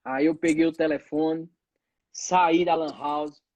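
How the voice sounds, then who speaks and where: A man's voice: on the high side, steady tone, slow, darkish tone, dry recording, muffled recording. A man, telling his own story as an interview guest, acting out the voices of the people in it. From Northeast Brazil. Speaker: pediatrician guest.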